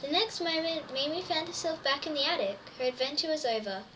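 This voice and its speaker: Brisk and expressive, a high-voiced woman reads a storybook to young children, her delivery packed with exclamation and wonder. Faint background noise is audible, and the microphone is far away.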